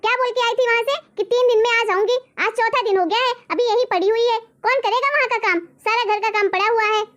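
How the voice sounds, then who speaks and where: Woman putting on a shrill rude daughter-in-law. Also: fast, few pauses, dull audio. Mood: scolding. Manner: shrill, shouting insults. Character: rude shrill young woman scolding her mother-in-law. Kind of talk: homemade family drama.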